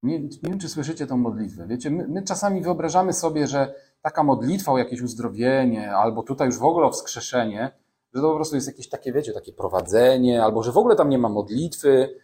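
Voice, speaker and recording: Mellow-voiced male preacher. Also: mid-range voice, animated, fast. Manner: conversational preaching with asides to the congregation; reads scripture aloud within the sermon. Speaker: pastor. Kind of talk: sermon.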